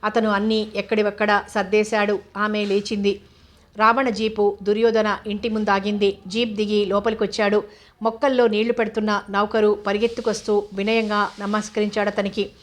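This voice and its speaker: Woman narrating a novel in a flat tone. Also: medium pitch, normal speed. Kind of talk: scripted audiobook narration of a novel.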